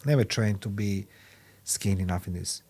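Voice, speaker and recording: Low-voiced man in his fifties hosting. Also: moderate pace. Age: 50s. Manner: rambling, repeats "you know what I mean", non-native phrasing; gets loud and emphatic when making a point. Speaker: podcast host. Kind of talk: conversational interview.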